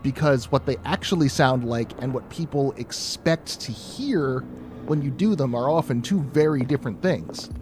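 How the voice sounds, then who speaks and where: A man's voice: mid-range voice, animated, normal speed, over music. A man giving casual gameplay commentary, rambling, chatty and profane. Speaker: streamer.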